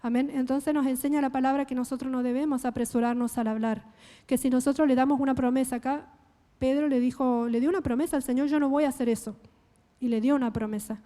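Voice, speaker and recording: A woman with an Argentine Spanish accent preaches a sermon, speaking deliberately and pausing often to check in with her listeners. Her voice is high and mellow. The sound carries a long reverb from a church hall. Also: fairly even intonation. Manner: deliberate, checks in with frequent "¿sí?" and "amén".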